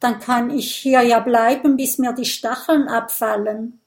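An impatient young girl porcupine from a children's storybook, voiced by a woman. She grumbles and complains in a high, loud voice. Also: steady tone, a little slow, lightly acted. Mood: exasperated. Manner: complaining, exasperated.

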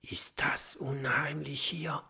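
A man voicing a clever, cautious young girl who talks in a hushed, knowing way, in a storybook reading. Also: medium pitch, sing-song, takes it slowly, pitched above the performer's own voice. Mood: frightened whisper.

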